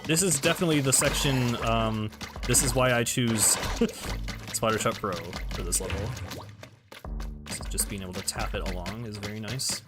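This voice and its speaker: A man's voice: on the low side, normal speed. A man streaming a game, chatting casually in a rambling way with restarts and laughs. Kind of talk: casual gameplay commentary. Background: game music.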